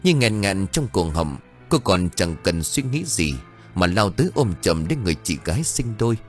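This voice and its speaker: A man narrating an audiobook story with expressive delivery. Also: low-pitched, normal speed. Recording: faint background music.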